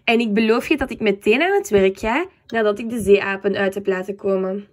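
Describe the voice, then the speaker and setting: A woman voicing Terry, an excitable and dreamy young man in a storybook, who talks high, fast and pleading. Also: close to an everyday voice.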